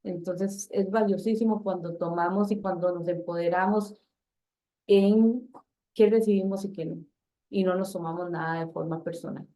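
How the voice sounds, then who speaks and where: A woman hosting a talk show, explaining ideas in a calm, reflective way. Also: on the low side, normal speed.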